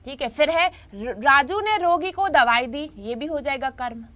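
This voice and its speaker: A woman's voice: high-pitched, animated, measured pace, a bit bright. A woman teaching a grammar lesson in an online class, repeating her points and often checking in with her students.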